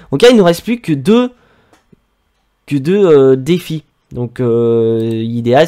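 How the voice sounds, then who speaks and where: A man giving relaxed, chatty commentary on his own gameplay, with frequent hesitations. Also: medium pitch. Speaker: gaming YouTuber.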